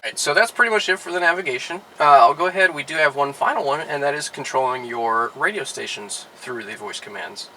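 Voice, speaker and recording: A man, a car dealership product specialist, giving a relaxed how-to demonstration inside a car, with many "all right" and "uh" fillers. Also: on the high side, a little fast, few pauses, a little hiss or hum, low-quality recording.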